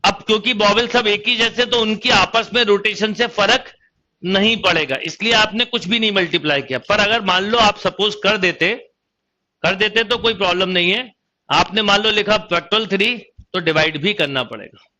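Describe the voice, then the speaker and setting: A man's voice: high voice, moderate pace, pushed and bright. A young man with a Hindi accent teaching math in an online coaching lecture, calling students "beta" and counting through each step aloud. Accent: Indian Hindi.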